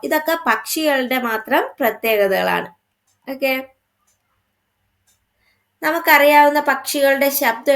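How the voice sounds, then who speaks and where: A woman's voice: a little high, a bit bright. A woman teacher, patiently explaining a first-grade workbook lesson. She asks questions and then answers them herself.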